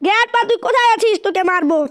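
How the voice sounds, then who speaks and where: A woman narrates her horror game run with a very high, shrill voice. She taunts and shouts at the game's villains as she plays. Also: very fast. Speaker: gaming channel host. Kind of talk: excited horror game commentary.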